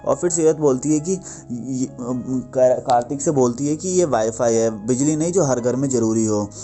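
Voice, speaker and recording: Man, casual story recap, mellow voice, faint music behind. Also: mid-range voice, normal speed. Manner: plain retelling with many self-corrections. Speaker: TV serial recapper.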